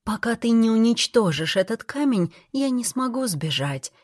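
A woman reading an audiobook, voicing the gentle, faintly bitter trapped soul of a death goddess in a raised, softer voice. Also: a little high, big pitch swings, moderate pace, dry recording, studio quality, pitched above the performer's own voice. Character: soft kind ancient female death-goddess soul.

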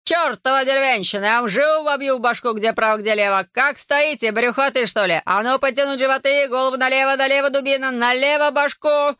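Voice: medium pitch, lively intonation, a little slow, pushed and bright, no echo, clean studio sound, voice pushed up. A reader voicing a petty, bullying male army corporal who screeches orders at soldiers in an audiobook. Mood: yelling. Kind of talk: audiobook character voice.

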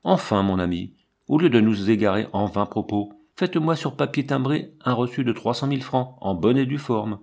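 A man voicing a cool, composed banker's wife who speaks with calm, dignified irony. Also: medium pitch, moderate pace, gravelly. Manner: calm, dignified, quietly ironic.

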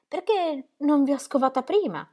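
A weary, charming painter, languid and flirtatious, drawing out his compliments with lively swings of pitch, as a woman reads him aloud. His tone stays playful and theatrical. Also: normal speed.

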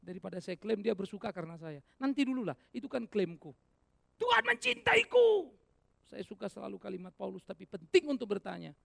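A male pastor preaching a sermon, swinging between loud exhortation and hushed asides, with many rhetorical questions to the congregation. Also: on the high side, creaky, no room sound.

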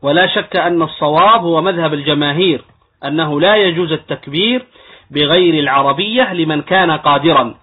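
Husky high-voiced man teaching over tinny audio. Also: a little fast. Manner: explanatory, demonstrates wrong pronunciations. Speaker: Islamic scholar teaching jurisprudence. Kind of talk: religious lecture.

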